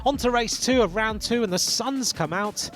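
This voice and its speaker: A man delivering scripted narration for race highlights. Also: moderate pace, fairly bright tone. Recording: music behind the voice.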